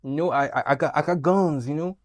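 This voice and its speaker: Talking briskly in a fairly high voice, a young man with a Nigerian accent films a lighthearted tutorial for his YouTube channel, addressing the camera with lively energy and jokey tangents. There is no room sound on the recording.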